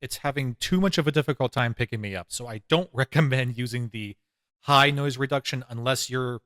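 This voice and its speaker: A man talks through a gear review at his desk, mid-pitched, easygoing and conversational, stretching out his words with repeats like "really, really." the mic sits a short way off, and a room fan and computer whir somewhere nearby. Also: a little fast, a bit bright. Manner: chatty, repeats words for emphasis. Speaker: tech reviewer. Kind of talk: casual product review. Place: home room with fan and PC running. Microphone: desk microphone about eight to ten inches away.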